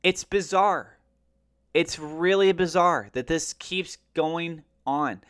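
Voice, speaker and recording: A man with a fairly high, slightly bright, smooth voice speaks slowly as he hosts a finance and crypto video. He gives casual market commentary straight to viewers, emphatic and colloquial, firing off pointed rhetorical questions.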